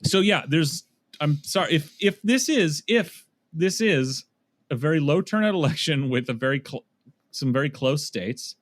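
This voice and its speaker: Man, co-host, angry political rant, profane, somewhat high pitch, dry mic. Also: lively intonation, moderate pace, no echo. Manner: ranting, profane, trails off and restarts. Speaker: podcast co-host. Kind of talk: casual political chat.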